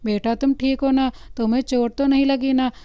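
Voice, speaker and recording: A woman's voice: high-pitched, flat delivery, moderate pace, clear, resonant tone, no echo, muffled recording, natural voice. A woman voicing a strict, elderly royal grandmother in a storybook reading, firm and commanding. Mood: caring.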